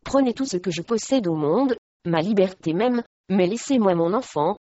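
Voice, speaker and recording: A young mother torn with grief but firm in her faith, read by a woman in a storybook. She speaks softly and low, and the recording is dry and somewhat muffled. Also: expressive, normal speed, no echo, natural voice. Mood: pleading.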